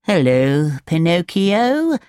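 A woman voicing a large snail who speaks slowly and calmly. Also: lowish voice, clean tone, no room sound, clean studio sound. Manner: slow and calm. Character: slow, unhurried large snail.

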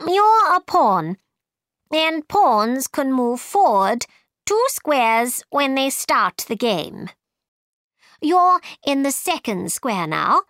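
Woman doing a bossy storybook queen, high voice, big sing-song swoops, bright tone. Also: no room sound, clean studio sound, exaggerated voice. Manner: imperious, urging, instructive. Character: bossy, brisk adult queen, commanding. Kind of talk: storybook reading.

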